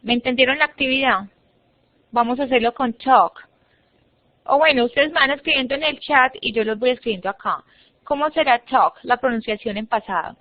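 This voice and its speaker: A woman's voice: high voice, normal speed, no room sound. A woman teaching an online English class, patiently explaining step by step and modelling words for her students to repeat. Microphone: computer mic on a video call. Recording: muffled, dry online-class audio.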